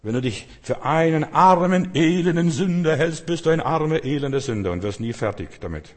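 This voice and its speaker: A man's voice: a little high, animated, fairly quick. A man preaching a sermon, addressing listeners directly with emphatic repetition.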